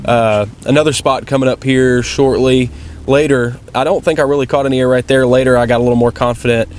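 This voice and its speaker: A man with a mid-pitched voice narrates a motovlog in a casual, conversational way. He is plain-spoken and tends to ramble as he comments on race footage. Clear vehicle noise runs behind his voice. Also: steady tone, fairly quick, a little mellow. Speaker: motovlogger and amateur dirt bike racer.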